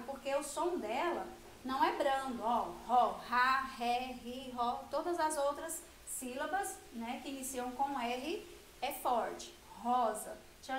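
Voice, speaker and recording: Brazilian teacher, woman, high voice, patient and explanatory, echoey room with faint hiss. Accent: Brazilian Portuguese. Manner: patient, explanatory, stresses example sounds slowly. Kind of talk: children's grammar lesson.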